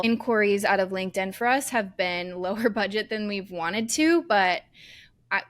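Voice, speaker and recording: A woman co-hosting a podcast, chatting casually and candidly with plenty of "like" and "um" fillers. Her voice sits at an average pitch for a woman. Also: a bit bright. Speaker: podcast co-host. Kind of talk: casual chat.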